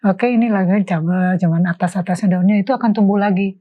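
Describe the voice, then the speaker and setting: A woman's voice: mid-range voice, fast. A woman in a casual Bible study discussion, explaining her point with homely, everyday examples. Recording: dull lo-fi sound.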